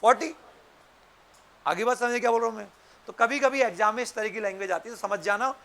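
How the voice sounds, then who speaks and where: A man's voice: sits high, fast talker, fairly bright tone. A male teacher giving an interactive lecture, often putting short questions to his students. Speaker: accountancy and tax teacher.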